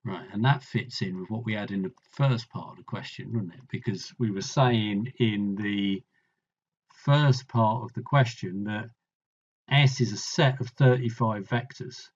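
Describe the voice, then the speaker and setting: A man's voice: lowish voice, a little slow, lo-fi sound. A man tutoring, thinking aloud as he works through a maths problem, musing and trailing off mid-sentence.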